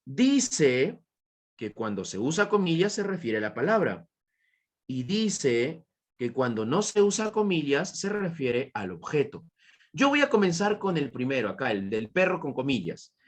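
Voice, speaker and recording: A man's voice: a little high, big pitch swings, measured pace. A man teaching an online class with a Peruvian Spanish accent, repeating his points and asking students questions. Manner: repetitive, questioning students, praising answers.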